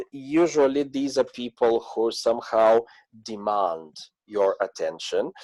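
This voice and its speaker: Slow, animated male mentoring coach. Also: medium pitch, no echo, low-quality recording. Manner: slow, reflective, acts out quoted voices. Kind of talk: spoken lesson with personal stories.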